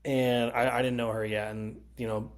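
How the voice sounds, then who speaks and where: A male comedian with a Connecticut accent telling animated, profane stories in casual chat and mimicking other people's voices. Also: medium pitch, normal speed. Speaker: comedian guest. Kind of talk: casual storytelling.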